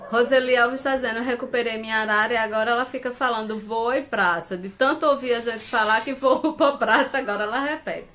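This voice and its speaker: A woman's voice: a little high, steady tone, quick pace, hardly any pauses, a bit bright, a little hiss or hum. A woman hosting a casual live stream from home, reading viewer comments aloud and laughing often.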